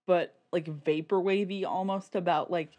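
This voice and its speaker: A podcast co-host with a lowish, warm voice speaks at a moderate pace in a steady tone. Her chat is casual and informal, with swearing and plenty of "like" sprinkled through her sentences.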